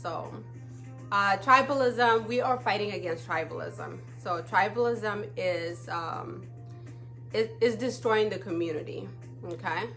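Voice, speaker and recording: A woman's voice: mid-range voice, unhurried, fairly bright tone, soft background music. A woman from Ethiopia, hosting a casual live stream and often checking in with her viewers. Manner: chatty, often checks in with "okay?". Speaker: livestream talk show host.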